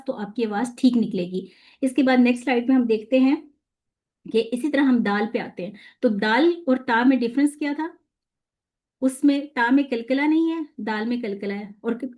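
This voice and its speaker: A woman teaching a Quran pronunciation lesson. She explains step by step, asks and answers her own questions, and slowly sounds out Arabic letters and syllables as models. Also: a little high, mellow, lo-fi sound. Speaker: tajweed teacher.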